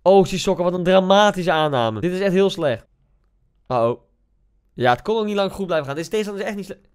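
Excitable young man gaming. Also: sits high, a little fast, clear, resonant tone. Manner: excitable, swings into loud outbursts. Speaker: gaming YouTuber. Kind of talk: live gameplay commentary.

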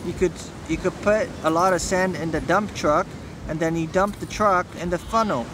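While recording on a handheld phone, a man gently guides a toddler playing on a sandy lakeshore beach, patiently repeating simple instructions in casual talk. His voice is high and his pace moderate, and wind and wave noise fills the background.

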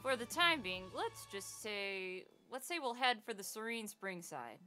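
Woman reading as a bright, practical adventurer. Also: mid-range voice, sing-song, a little slow, faint music behind. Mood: composed. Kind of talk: hobby voice-over of video game dialogue.

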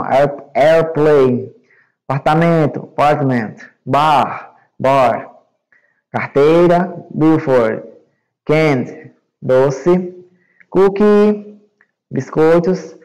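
A Brazilian male English teacher giving a recorded online class to young students, explaining slowly and patiently and checking understanding often. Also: fairly high pitch, a little mellow, low-quality recording. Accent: Brazilian Portuguese. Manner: repeats words and checks with "né?" and "certo?".

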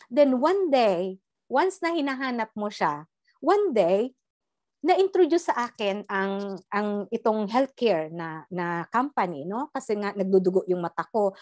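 A middle-aged woman from the Philippines giving a personal testimony in an animated storytelling manner, mixing in English and often tagging "no?". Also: medium pitch, dry recording. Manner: animated storytelling, Taglish, tag "no?". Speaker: guest sharing a life story.

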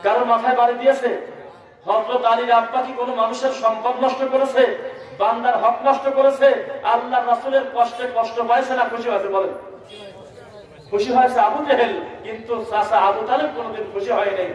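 A man with a Bangladeshi Bengali accent preaching to a crowd, asking them to answer back and chanting verses in a slow melodic recitation. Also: extremely high pitch, little pitch movement. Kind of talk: sermon at a religious gathering. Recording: very echoey hall, speaker far from mic.

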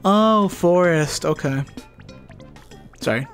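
A man streaming a video game live, joking around with a co-player in a playful, excitable way. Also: sits high, slow pace, faint music behind. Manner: playful and excitable, jumping into squeals and gasps. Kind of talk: casual live-stream banter.

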